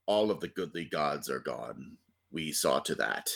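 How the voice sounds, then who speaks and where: An ancient dark god as a man acts it out at a game table, speaking low and slow with theatrical villain menace. The delivery is gloating and mocking, a tabletop villain savoring each line. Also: expressive, vocal fry, exaggerated voice. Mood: scornful menace.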